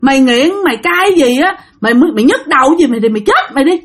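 A woman voicing a furious middle-aged mother who scolds her daughter in a high, shouting voice. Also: expressive, quick pace. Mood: furious scolding.

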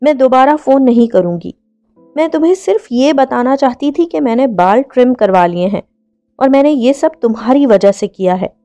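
A woman's voice: high-pitched, animated, normal speed, mellow, soft background music. A woman voicing a slight young woman who is hurt and pleading in a read-aloud story. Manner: pleading, wounded.

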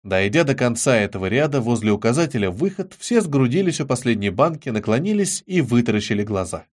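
A man narrating an audiobook in an expressive, measured reading. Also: medium pitch.

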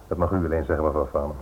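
In an old radio play, a man plays a courteous Scotland Yard inspector who delivers a warning in a measured, politely firm manner. His bass voice is slightly mellow, and the recording sounds tinny and noisy.

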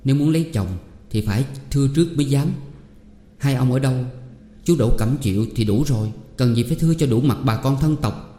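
A man voicing a boastful, pushy rich young male scholar who talks loudly. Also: medium pitch, fairly quick, natural voice. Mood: puzzled. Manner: pleading and boastful, loud. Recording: echoey room with long reverb.

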